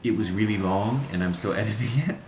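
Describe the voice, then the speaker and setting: This vlogger has a lowish voice with a darkish tone, recorded in a reverberant space with slight background noise. He chats wryly and casually through an unboxing, reading text out haltingly.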